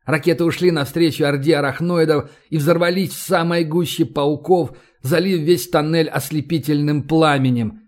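A man narrating an audiobook in a steady, measured reading voice. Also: fairly high pitch.

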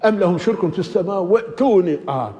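A man's voice: high-pitched, expressive, rapid-fire, dark tone. An older man, a sheikh, teaching a classroom grammar lesson, patiently asking and answering his own questions and repeating words as he thinks. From Libya. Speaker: sheikh teaching Quranic exegesis. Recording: dull lo-fi recording with long hall reverb.

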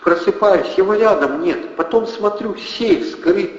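A man reading an audiobook plays a distraught woman whose voice breaks into shrieks. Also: unhurried. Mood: shrill. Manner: shrill, tearful. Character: distraught young woman, shrill. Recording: dull, roomy, long reverb.

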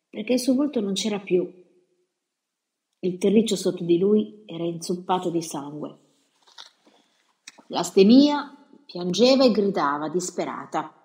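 A woman with a fairly low voice reads a novel aloud in the first person. Her delivery is measured and dramatic. The recording sounds roomy and echoey. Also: a little mellow. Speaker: audiobook reader. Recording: roomy echo.

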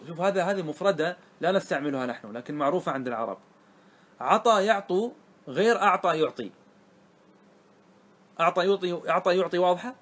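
A man teaching a grammar class to students, often asking them whether it is clear and repeating key words. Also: sits high. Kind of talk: classroom lesson.

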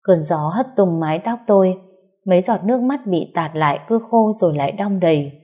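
A woman's voice: fairly low pitch, lively intonation, fairly quick, highs cut off. Woman narrating a sorrowful story. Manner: sorrowful, tender. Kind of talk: first-person story narration.

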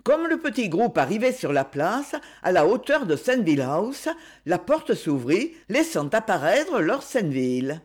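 An audiobook narrator reading a classic novel in a measured, expressive way. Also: medium pitch. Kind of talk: scripted literary narration.

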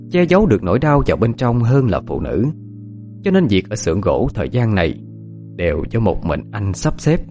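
Expressive low-voiced male storyteller. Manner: dramatic, expressive reading. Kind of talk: scripted narration of a ghost story.

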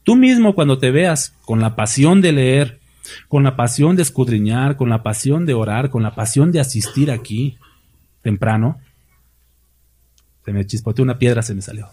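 A man's voice: mid-range voice, expressive, moderate pace, dark tone, slightly rough. A middle-aged man with a Mexican Spanish accent, preaching a sermon emphatically, with rhetorical questions and acted-out quotes. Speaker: pastor.

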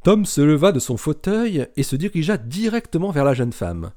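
A man reading a novel aloud in a steady, measured narration. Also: fairly high pitch.

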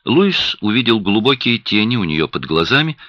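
A man narrating an audiobook in an expressive, dramatic reading style. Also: lowish voice, moderate pace, dry recording. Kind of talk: scripted narration. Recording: dry, dull lo-fi sound.

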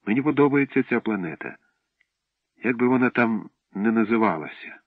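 A man voicing a gentle schoolgirl who speaks dreamily and softly. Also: mid-range voice, animated, moderate pace, no room sound. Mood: dreamy. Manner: dreamy, soft. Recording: dull dry recording.

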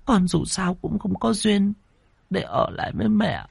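A man voicing a grieving older landlady mother in a storybook ghost tale, speaking in a hushed, tearful, pleading way. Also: on the high side, sing-song, measured pace, gravelly, breathy edge, dry recording, pitched above the performer's own voice, exaggerated voice.

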